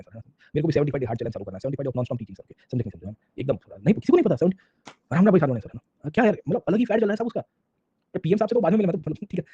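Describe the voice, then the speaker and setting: A man's voice: a little high, breathy edge, no echo. A man teaching a casual online history lecture in speech, constantly checking in with "sir, samjhe?". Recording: dull lo-fi sound.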